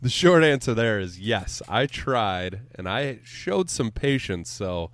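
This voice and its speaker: A man co-hosting a podcast, telling a story as an animated, profane rant into a studio microphone. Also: on the low side, takes it slowly, dry recording. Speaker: podcast co-host. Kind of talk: casual podcast banter.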